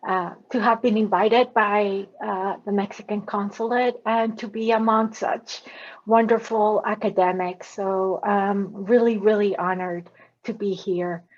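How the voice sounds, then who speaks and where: A woman from Colombia speaks slowly and earnestly in an academic panel talk, with frequent ums and uhs. Her voice comes through dull, lo-fi call audio. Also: medium pitch, fairly even intonation, darkish tone. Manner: slow, earnest, with many fillers. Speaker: panelist, professor.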